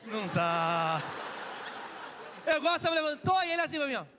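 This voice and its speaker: A Brazilian man doing a crude, jokey stand-up set on a comedy club stage, telling stories and switching voices fast. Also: extremely high pitch, very animated, in a large hall. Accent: Brazilian Portuguese. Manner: brash, crude, jokey storytelling with quick voice switches. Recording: stage recording with crowd and room noise.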